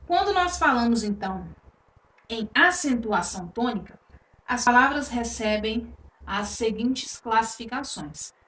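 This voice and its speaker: A woman's voice: a little high, animated, a little slow, fairly bright tone. A woman teaching a grammar lesson online, explaining patiently and checking in with "ok?" after each point. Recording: echoey room, voice a bit far from mic, faint noise.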